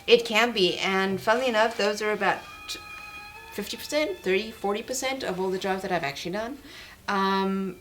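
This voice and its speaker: A woman's voice: mid-range voice, moderate pace, faint music behind, rough recording. A woman being interviewed as an actress, telling anecdotes casually in an emphatic, playful, self-deprecating way. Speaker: interview guest, working actress.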